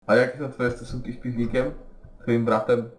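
A man's voice: medium pitch, flat delivery, moderate pace, reverberant. A man co-hosting an amateur joke interview, prodding the guest with teasing follow-up questions. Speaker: co-host. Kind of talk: amateur spoof interview show.

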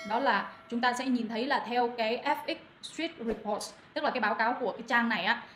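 Woman going over crypto charts, lots of ums, echoey room. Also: a little high. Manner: addresses listeners as anh chị, many fillers. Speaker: crypto channel moderator. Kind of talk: crypto market explainer. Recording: echoey room, faint noise.

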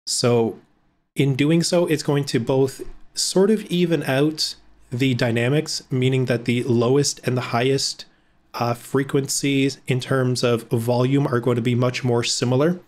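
A man's voice: medium pitch, fairly even intonation, a little slow, a little mellow. Casual man explaining audio plugins. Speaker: video editing tutor. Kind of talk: screen-recorded tutorial. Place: home room with blackout curtains.

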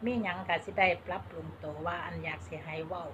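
A woman from Buriram with an Isan Thai accent, chatting slowly and haltingly to her vlog viewers and mixing in Isan particles. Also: fairly low pitch, fairly even intonation, background noise. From Isan, Buriram province, Thailand. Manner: slow and halting, with many fillers and Isan particles. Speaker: vlogger. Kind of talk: casual chat to camera. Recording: dull lo-fi sound with faint ambience.

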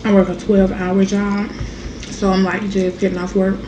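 A young adult woman chatting casually in a mukbang vlog, talking while chewing, with pauses between bites. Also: medium pitch, monotone. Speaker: mukbang vlogger. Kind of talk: casual chat while eating. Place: small indoor room, seated at a table. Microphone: desktop microphone on the table beside the food. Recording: echoey, dull room recording with clear noise.

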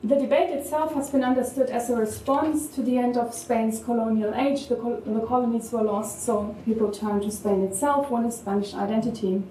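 A woman with a German accent giving measured, thoughtful academic remarks as a panel discussant, with a touch of wry humor. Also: fairly high pitch, fairly even intonation, warm tone, slight background noise. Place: university event hall. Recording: echoey room, distant mic, faint ambience.

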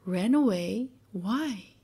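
A woman voicing a polite, motherly little girl in a soft whispered role-play for a bedtime storybook. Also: mid-range voice, expressive, extremely slow, husky, exaggerated voice. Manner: gentle, prim, sometimes indignant.

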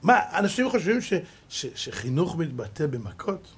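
A man with a high, husky voice gives a Torah lesson. He preaches with force, jumping from loud bursts to soft asides. He teaches through stories. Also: sing-song. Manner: emphatic preaching with sudden loud and soft swings; storytelling with acted quotes. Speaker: rabbi.

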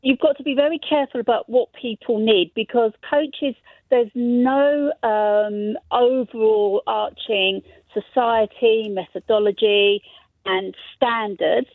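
A woman's voice: a little high, steady tone, takes it slowly, no room sound. A woman in her fifties calling in to a radio show, her voice wobbly and warbling, talking hesitantly with many ums and restarts. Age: 50s. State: wobbly, warbling voice that goes wonky at times. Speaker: radio phone-in caller. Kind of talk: casual phone-in call. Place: on a phone call to a radio studio. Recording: tinny phone line.

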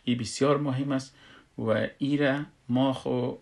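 Male teacher, mid-pitched voice. Calm lesson delivery, repeating syllables and stretching recited words. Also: vocal fry. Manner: drills syllables one by one, drawing out recited words slowly. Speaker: tajweed teacher. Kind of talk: recorded lesson.

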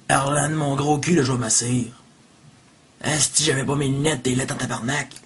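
A man's voice: fairly even intonation, moderate pace, husky. A man with a Quebec French accent voicing a crude, creepy, foul-mouthed old grandfather in a comic cartoon dub. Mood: grumbling. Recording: noisy low-quality dub audio.

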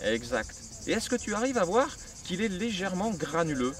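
A man's voice: high-pitched, very animated, moderate pace, distant mic, very noisy. A man working as a guide, casually helping visitors. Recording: voice some way off the mic.

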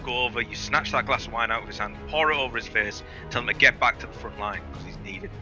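With music underneath, a man at medium pitch talks fast. He swears, jokes and spins stories over gaming voice chat, his casual banter theatrical and bombastic.

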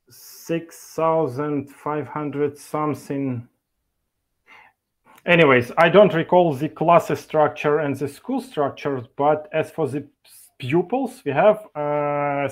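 Slow, halting man on a video call. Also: a little high. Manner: halting, many fillers and restarts. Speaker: conference speaker from an e-learning developer. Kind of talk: online meetup presentation.

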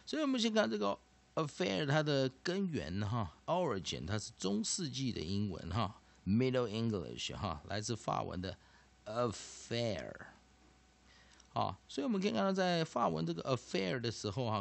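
A man teaching a vocabulary and pronunciation lesson, explaining slowly and deliberately. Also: medium pitch, sing-song, creaky.

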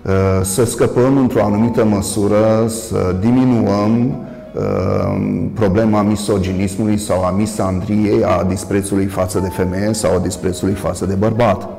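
Male TV lecturer, gravelly and mellow, deliberate with many pauses; roomy reverb. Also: lowish voice, flat delivery, soft background music. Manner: measured, halting with frequent "uh" pauses, stressing contrasting word endings. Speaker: priest and professor hosting a TV talk. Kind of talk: solo lecture-style commentary.

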